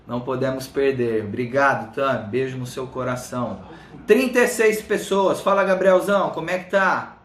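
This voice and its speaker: A man's voice: mid-range voice, normal speed, a bit bright. Chatty Brazilian man, slightly thick-tongued, echoey room. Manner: chatty, informal, addresses viewers by name. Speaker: live stream host, fitness coach. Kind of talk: casual live chat greeting viewers. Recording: roomy, echoing room sound.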